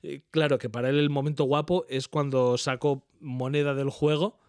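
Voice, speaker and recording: A man in his thirties with a Spanish accent from Spain, chatting casually as a podcast co-host, telling animated stories and swearing freely. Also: medium pitch, moderate pace, clean tone, no echo, clean studio sound. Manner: animated storyteller, swears freely, imitates others. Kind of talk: casual chat among friends.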